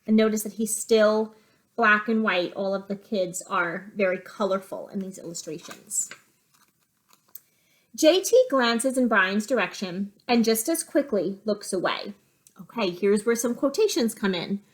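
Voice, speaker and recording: This reading lesson for young children features a woman teacher whose medium-pitched voice is animated but a little slow. She reads a storybook aloud and breaks in with simple explanations.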